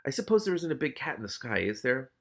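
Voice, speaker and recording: A man voicing a wily, grumbling streetwise cat in a storybook reading, quick to hedge and bargain. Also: mid-range voice, big pitch swings, gravelly, voice pushed up. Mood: uneasy, polite. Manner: quick-fire, hedging, sardonic. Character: wily talking male cat, streetwise, grumbling, anxiously deferential.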